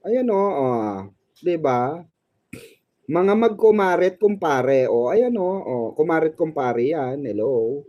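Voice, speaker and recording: A man's voice: on the high side, lively intonation, slow, warm tone, no echo, lo-fi sound. A man hosting a fan channel, chatting about showbiz in a gossipy, teasing way and laughing often. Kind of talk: casual showbiz commentary.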